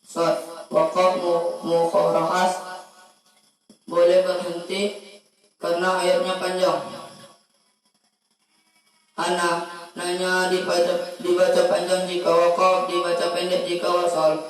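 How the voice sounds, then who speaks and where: A male student taking an oral exam, reciting memorized recitation rules in a rote, rapid way and chanting the Arabic terms. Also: sits high, completely flat delivery. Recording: very echoey room, distant mic, faint music.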